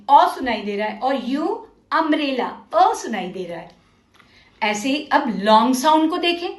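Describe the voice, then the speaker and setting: A woman teacher with an Indian accent, leading a children's literacy lesson and slowly drilling words for learners to repeat. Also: high-pitched, fairly bright tone. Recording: echoey room.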